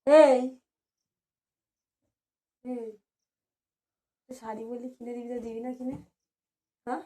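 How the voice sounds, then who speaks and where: A woman's voice: fairly high pitch, flat delivery, fast, warm tone, a little hiss or hum. Coaxing, teasing young-sounding woman. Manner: teasing, coaxing, repeats her asks. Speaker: wife. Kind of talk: casual home chat.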